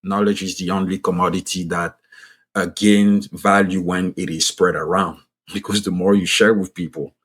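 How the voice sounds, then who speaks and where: Here an economist and author from Ivory Coast, French his mother tongue and his accent Ivorian French, is interviewed on a podcast. His deep voice has little pitch movement, a breathy edge, and normal speed. He speaks earnestly, going back over phrases and restarting them for emphasis.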